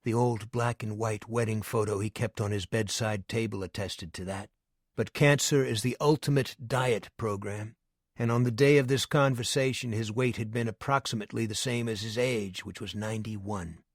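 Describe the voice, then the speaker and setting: A man narrates an audiobook in a measured, often hushed delivery. His voice sits on the low side. The close studio recording is dry with no room sound. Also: steady tone, no echo.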